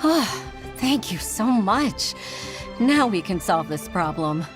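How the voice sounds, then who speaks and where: A woman's voice: medium pitch, sing-song, takes it slowly. A woman voicing a courteous, conscientious official in an anime game, speaking politely and formally. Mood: grateful. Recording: clear game music behind.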